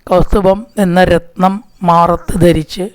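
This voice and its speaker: A man's voice: high-pitched, flat delivery, clear, resonant tone. Man chanting verses and explaining them. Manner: chants Sanskrit verses slowly, then explains in easy conversational speech. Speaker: scripture teacher. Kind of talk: verse-by-verse scripture discourse.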